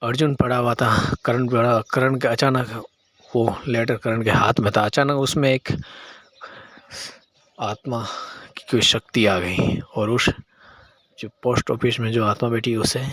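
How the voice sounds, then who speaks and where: A man narrating a horror story in a plain, halting storytelling manner with frequent restarts. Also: medium pitch, fairly even intonation, a bit bright, dry recording.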